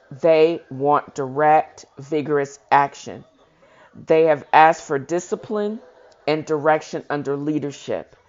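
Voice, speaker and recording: This reading-show host has a medium-pitched, somewhat dark voice. Working through a historical speech with offhand remarks, they trip over words at times and fix them. Audio quality is dull and lo-fi.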